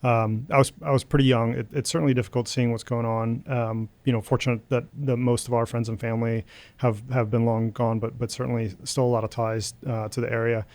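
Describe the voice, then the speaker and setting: A man in his late thirties who grew up in Russia, a company founder answering interview questions thoughtfully, often pausing and restarting. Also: mid-range voice, level tone, darkish tone. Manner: thoughtful, hesitant, many fillers and restarts. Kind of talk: casual interview.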